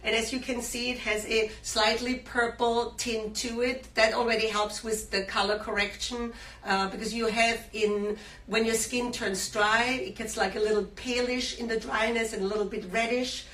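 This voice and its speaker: A woman's voice: a little high, level tone, normal speed, a bit bright. A woman hosting a live shopping-show interview, talking with lots of fillers and enthusiastic sales talk. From Austria. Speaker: skincare brand host. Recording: roomy, distant mic, faint hum.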